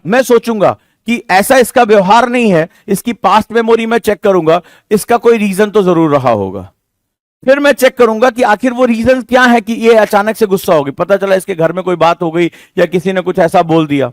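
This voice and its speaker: A man's voice: sits high, no room sound. A man teaching a room of students, with emphatic, rhetorical lecturing that teases and scolds them. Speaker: exam coaching teacher. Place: classroom with students.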